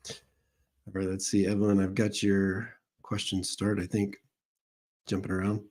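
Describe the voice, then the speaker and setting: A man with a low, mellow voice hosts a relaxed live stream as a psychic medium. He talks in a loose, rambling way, greeting viewers by name and chatting before he takes questions. He speaks into a streaming microphone. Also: measured pace.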